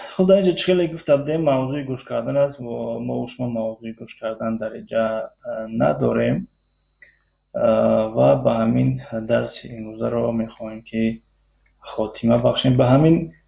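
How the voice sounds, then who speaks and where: A man with a Tajik accent teaching an English lesson, reading slow English phrases and explaining them quickly with many hesitations. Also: medium pitch, vocal fry, dark tone, reverberant. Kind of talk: language lesson explaining textbook dialogue.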